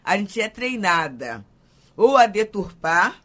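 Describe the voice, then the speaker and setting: A woman's voice: medium pitch, very animated, slow, a bit bright. A woman co-hosting a spiritual talk program who reminisces reflectively and often chimes in to agree. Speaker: co-host. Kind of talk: casual chat on a spiritist program.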